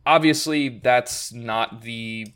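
On a casual podcast, a male co-host chats in long, rambling thoughts, often correcting himself and dropping wry asides. His voice is mid-range, slightly bright and smooth, and he talks slowly.

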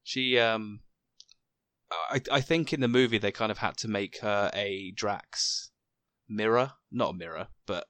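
A British man chats about comics in a relaxed podcast, his voice bright and forward. He hesitates often, restarting sentences and filling gaps with ums. The recording is dry and close. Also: on the low side, measured pace, dry recording. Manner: hesitant, many restarts and ums, laughs at himself. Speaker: podcast co-host. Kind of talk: casual chat about comics.

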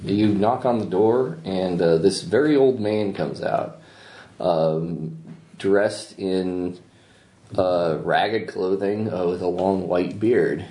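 A man's voice: deep voice, takes it slowly, warm tone. A man working as game master, casually narrating a tabletop game. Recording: roomy tabletop recording with faint noise.

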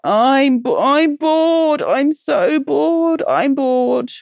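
A woman's voice: high voice, animated, vocal fry, darkish tone, dry recording, clean studio sound, pitched above the performer's own voice, full character voice. A woman putting on a whiny bored kid. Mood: whining. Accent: British English.

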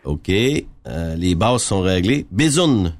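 A man with a Quebec French accent making a prank phone call, posing as a phone company engineer in a mock-official, deadpan way. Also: mid-range voice, a little fast, no echo. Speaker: prank caller.

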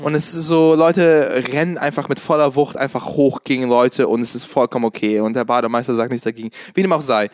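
Man, casual podcast chat, animated storyteller, quick delivery, dry recording. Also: medium pitch, no echo. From immigrant to Germany. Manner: animated storyteller, acts out quotes loudly, many restarts. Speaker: podcast co-host telling a story.

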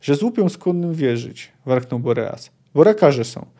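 A man hosting a book podcast, reading passages aloud and then commenting in an unhurried way that thinks aloud. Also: fairly high pitch, expressive, mellow. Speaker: podcast host reading and discussing a novel.

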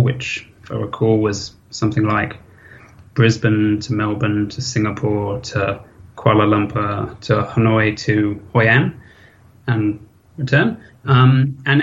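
A man in his thirties with a British accent, talking casually as an interview guest, often pausing with ums and restarting sentences. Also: lowish voice, muffled recording. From Hong Kong. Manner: hesitant, many ums and restarts. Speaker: interview guest, forum member.

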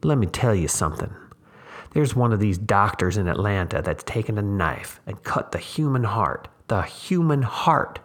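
A man's voice: on the low side, lively intonation, normal speed. A man voicing a young one-armed drifter with a firm, nasal voice who talks in a preaching way in a story reading. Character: young one-armed tramp, composed, dissatisfied. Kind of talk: audiobook reading.

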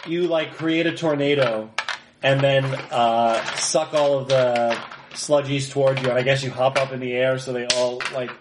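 A man narrating a tabletop game as game master, halting with fillers and laughs. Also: medium pitch, fairly even intonation, background noise. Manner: halting, full of ums and laughs. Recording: echoey room.

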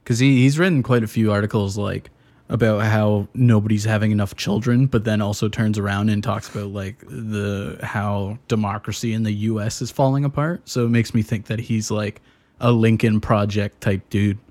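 A man's voice: on the low side, steady tone, moderate pace, a little mellow. A man co-hosting a casual podcast chat, laid-back and slangy. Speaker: podcast co-host.

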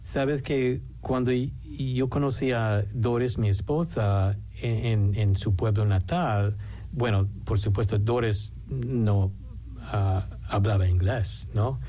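An American man, speaking English as a guest in a casual interview, talks hesitantly, halting often and restarting many times. His voice sits on the low side and sounds warm.

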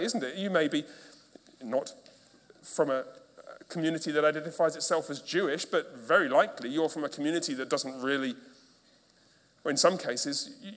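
Man, pastor, sermon, emphatic, repeated rhetorical questions, slightly high voice, long church reverb. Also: a bit bright.

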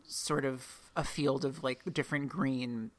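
A woman's voice: very deep voice, fairly even intonation, measured pace. A woman hosting a podcast, telling a story in a rambling, self-correcting way. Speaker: podcast host. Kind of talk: casual podcast chat.

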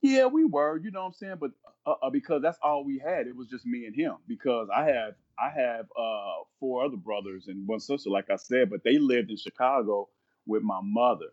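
On a muffled recording, a minister in his fifties speaks as a podcast guest in a medium-pitched, darkish voice that is expressive and a little fast. Earnest and prone to repetition, he quotes scripture, giving the talk a preaching feel.

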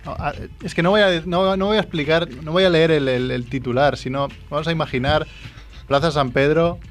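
A man's voice: fairly high pitch, brisk, soft background music. A man, setting up a funny news story in casual banter. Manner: sets up a joke news story, laughing.

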